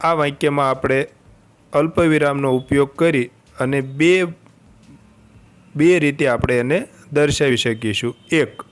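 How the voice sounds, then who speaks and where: A man's voice: mid-range voice, takes it slowly, clear, resonant tone. A male teacher going through a revision lesson, patiently reading each item and then repeating the answer.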